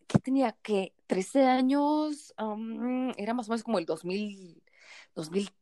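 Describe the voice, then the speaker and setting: A woman's voice: on the high side, a little slow, no room sound. Tipsy Mexican woman telling frank stories. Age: 30s. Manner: animated, frank storytelling with playful put-on quotes. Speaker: podcast co-host. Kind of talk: casual chat.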